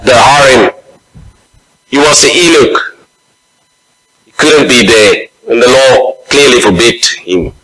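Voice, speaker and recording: A man preaching a sermon as pastor in a church, slow and deliberate, reading scripture aloud. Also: mid-range voice, bright, forceful tone, echoey room, poor audio.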